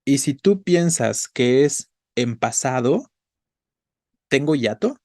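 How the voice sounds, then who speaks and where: A male teacher leads a grammar lesson in a patient, explaining manner. He checks in with his students constantly and slows down to break words into syllables. His voice sits at an ordinary pitch and is recorded dry, with no room echo. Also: expressive, mellow. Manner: patient, checks in with frequent "¿no?" and "¿vale?"; spells out syllables slowly. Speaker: Spanish teacher. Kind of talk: online grammar class.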